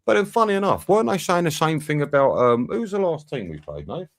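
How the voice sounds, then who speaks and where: A man's voice: a little high, very animated, fast talker, dry recording, studio quality. A young man doing a live match watch-along, swearing freely and bantering with his chat between bits of play commentary.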